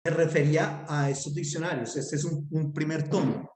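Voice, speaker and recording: A man's voice: a little high, moderate pace, darkish tone, roomy sound. A man teaching a Hebrew class online, talking conversationally and asking his students rhetorical questions.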